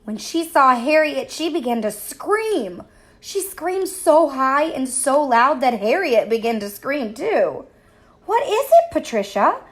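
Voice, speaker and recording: A woman reading a picture book aloud to children, with expressive, sing-song storytelling. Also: sits high, slow pace. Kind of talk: read-aloud storybook narration.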